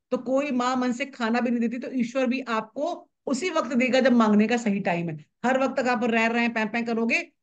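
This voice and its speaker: A woman teaching a live online class on manifestation, talking briskly and conversationally, repeating her points over an online call. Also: on the high side, dull audio. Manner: brisk, repetitive, conversational explaining.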